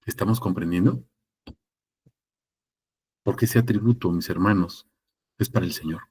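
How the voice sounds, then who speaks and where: A man preaching a sermon, teaching with rhetorical questions and repeated phrases, moving between loud emphatic passages and quiet ones. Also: low-pitched, normal speed, husky.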